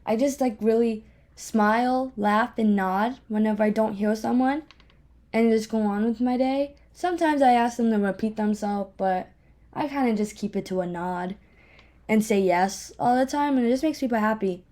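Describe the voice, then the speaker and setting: A young woman who hosts a podcast and has a speech impediment chats on her own from a home office. Her voice is a little high and warm, at a normal speed, and she rambles in a candid, self-deprecating way.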